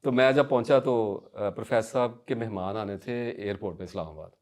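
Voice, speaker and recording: Male guest, lowish voice, animated storyteller. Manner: lively anecdotal storyteller, slips in English phrases. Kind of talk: conversational storytelling.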